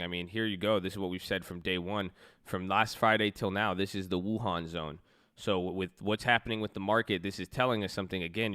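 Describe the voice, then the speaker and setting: A man giving excited, slangy live-stream commentary on the stock market, swearing as he goes. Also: lowish voice, smooth.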